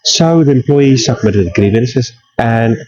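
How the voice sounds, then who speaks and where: A middle-aged man hosting a podcast, his voice thick and husky from a flu, talking in a coffee shop and explaining with rhetorical questions. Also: lively intonation, slow, darkish tone, no room sound, highs cut off. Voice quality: deep, husky from a cold. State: congested with a flu. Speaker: podcast host. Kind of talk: casual talk to camera.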